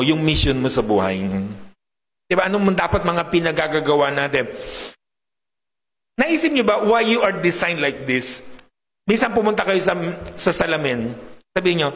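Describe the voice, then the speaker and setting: Deep-voiced preacher man, lively and joking. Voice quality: deep, big voice. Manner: lively, joking with the congregation, mixing Tagalog and English. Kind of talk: sermon. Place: church hall. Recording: reverberant hall.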